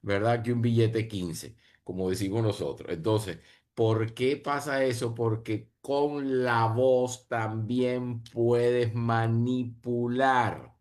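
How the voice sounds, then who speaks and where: A man's voice: mid-range voice, fairly even intonation, takes it slowly, a little mellow. A man answering a panel question in an earnest way, often repeating and restarting his phrases, over a video call. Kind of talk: reflective answer in an online panel.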